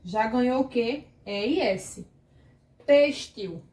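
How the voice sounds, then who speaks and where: With a slightly high, expressive and somewhat mellow voice in a roomy-sounding space, a Brazilian Portuguese woman teaches grammar online to children. As a primary school teacher, she explains patiently and slowly, step by step, often asking the class "certo?".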